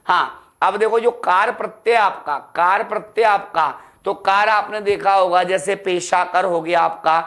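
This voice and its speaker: A man's voice: high-pitched, unhurried, few pauses, fairly bright tone. A male Hindi teacher running an exam prep lesson, who keeps asking his students questions and answering them himself. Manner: calls students "beta" and "ladlo", asks and answers own questions.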